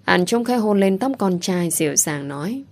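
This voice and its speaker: A woman narrating a family story in a calm, even storytelling voice. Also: fairly low pitch, moderate pace.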